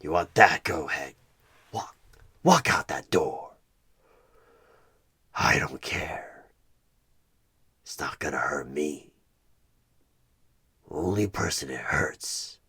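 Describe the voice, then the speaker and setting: In a one-sided horror ASMR roleplay, an extremely low, sinister male demon holds a job interview, his slow, husky growl slipping into breathy whispers. Expressive, sharp-toned and heavily acted, he is deliberate, menacing and manipulative, coldly dismissive as he presses a corrupt deal like a tempter.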